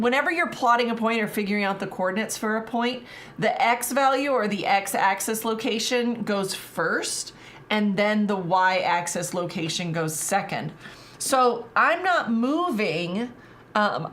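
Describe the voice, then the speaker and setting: A woman's voice: a little high, fairly bright tone. A woman tutoring math live, talking casually with lots of fillers. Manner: casual, chatty, many fillers.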